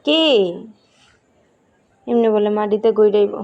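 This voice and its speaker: A woman, softly pleading and coaxing her pet outdoors at night, repeating herself. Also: medium pitch, measured pace, dull audio. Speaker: pet owner.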